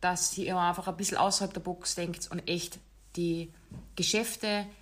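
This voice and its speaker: A woman's voice: lowish voice, steady tone, moderate pace, a bit bright. A woman hosting a casual podcast chat, talking in an emphatic, direct way. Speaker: podcast host.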